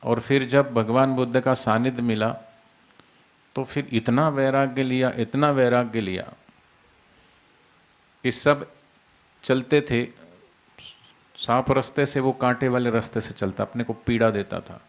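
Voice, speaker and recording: A man giving an unhurried devotional discourse as a spiritual teacher, explaining with everyday examples. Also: mid-range voice, steady tone, dull audio. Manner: unhurried, explains with everyday examples, demonstrates soft and loud speech.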